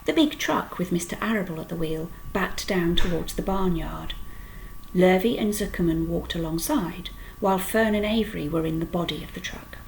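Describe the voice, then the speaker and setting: Woman, storytime reader, expressive reading, gravelly voice, faint background ambience. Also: on the low side, moderate pace, slight background noise, rough recording. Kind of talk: reading a children's book aloud.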